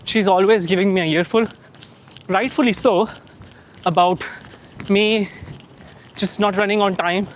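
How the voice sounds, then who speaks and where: A man's voice: high-pitched, steady tone, measured pace, long pauses. A man talking casually to his vlog audience while he runs outdoors, with some wind noise in the recording. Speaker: running vlogger. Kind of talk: casual vlog chat to camera. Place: outdoors on the move.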